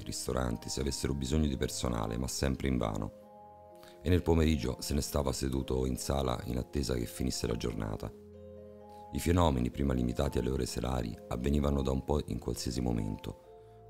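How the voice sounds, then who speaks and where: A man reads a horror story aloud in a measured, somber voice. His voice is very deep and gravelly, with a dark, mellow tone. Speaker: narrator. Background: faint music.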